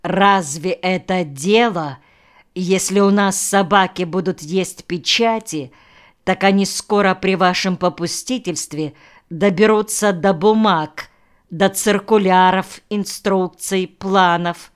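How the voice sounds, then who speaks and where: A woman's voice: mid-range voice, takes it slowly, clear, resonant tone, natural voice. A woman reading the lines of a fussy, suspicious male village official who keeps pressing his point. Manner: insistent, officious.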